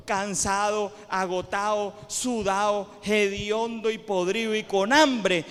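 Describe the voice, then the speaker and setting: A man pastor preaching a sermon with passion, repeating phrases for emphasis and rising to shouts. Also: extremely high pitch, in a large hall. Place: church sanctuary.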